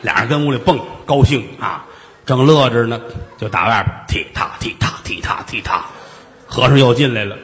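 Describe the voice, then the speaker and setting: A man's voice: medium pitch, moderate pace, fairly bright tone. A man telling a traditional story, dramatic and full of sound effects. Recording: long hall reverb.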